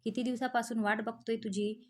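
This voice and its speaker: A woman's voice: on the high side, little pitch movement, a little fast, a little hiss or hum, lightly acted. A woman voicing a leering thirty-year-old village man who taunts a young woman. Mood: taunting.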